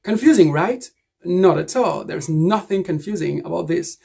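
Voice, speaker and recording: A woman's voice: lowish voice, animated, normal speed, gravelly, dark tone, breathy edge. A woman teaching an English lesson online, emphatic and repeating key words to drill them. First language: French.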